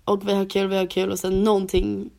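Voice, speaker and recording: A woman's voice: medium pitch, completely flat delivery, vocal fry, warm tone. A young woman in casual chat, expressively acting out her own reactions as she tells stories.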